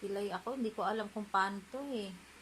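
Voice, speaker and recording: A woman vlogging at home, scolding and teasing her pet with repeated sharp questions. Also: medium pitch, brisk, noisy background. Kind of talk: casual home vlog, talking to a pet.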